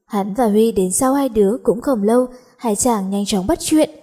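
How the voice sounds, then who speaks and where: A woman narrating a story as an audiobook reader, in steady storytelling. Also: fairly high pitch, moderate pace, breathy edge. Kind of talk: audiobook narration of a teen romance.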